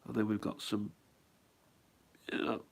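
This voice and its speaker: Fairly low and a little slow, with creak and little pitch movement, this man's voice belongs to a middle-aged fellow with a head cold. At home, he casually shows his stamp album, rambling, thinking aloud, and asking himself questions.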